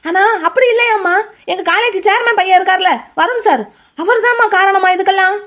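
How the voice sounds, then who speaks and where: A woman voicing an excitable young male college student who pleads loudly and rambles. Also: very high-pitched, a little fast. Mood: agitated.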